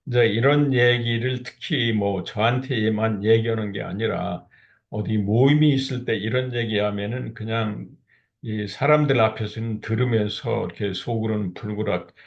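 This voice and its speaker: A man's voice: on the low side, fairly even intonation, moderate pace, gravelly. A middle-aged man giving a recorded lecture on marriage communication. He explains each step and then acts out sample exchanges between spouses. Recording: dull lo-fi recording.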